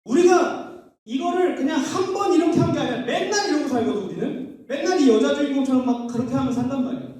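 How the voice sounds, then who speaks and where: High, lively man preaching in an echoey hall. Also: quick pace. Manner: playful storytelling, acting out scenes, leading call-and-response. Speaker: pastor. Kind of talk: youth retreat sermon. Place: church hall at a youth retreat. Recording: echoey hall, mic at a distance.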